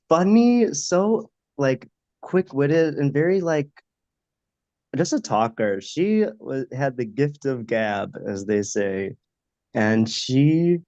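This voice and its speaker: A man hosting a casual chat, lively and talkative, laughing easily. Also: mid-range voice, no room sound, highs cut off. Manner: animated, chatty, laughs easily.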